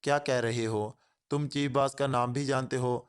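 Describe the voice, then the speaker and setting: A man's voice: medium pitch, steady tone, smooth, natural voice. A man voicing an arrogant, short male gang boss who talks in a harsh, sarcastic way. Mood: surprised.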